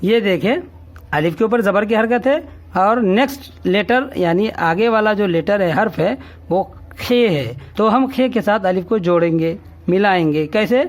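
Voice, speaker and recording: Slow, patient male reading teacher. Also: high-pitched. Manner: slow, patient drilling, repeating each syllable three times; often asks "ٹھیک ہے؟" to check understanding. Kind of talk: classroom-style reading lesson.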